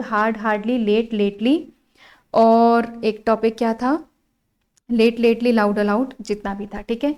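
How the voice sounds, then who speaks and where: A woman's voice: fairly high pitch, a little mellow. Indian woman teacher explaining grammar. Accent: Indian English. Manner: explains step by step, asks questions and answers them herself. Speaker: English teacher. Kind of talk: classroom grammar lesson. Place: classroom with a board.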